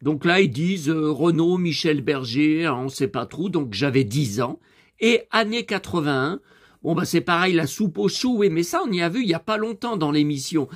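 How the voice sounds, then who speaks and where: An older Frenchman, in pain after an injury, rambles to his viewers as a collector vlogger in a casual monologue to camera. His slightly high voice is animated and at normal speed, and he complains and restarts his words often. The audio is clean and studio-like, with no echo.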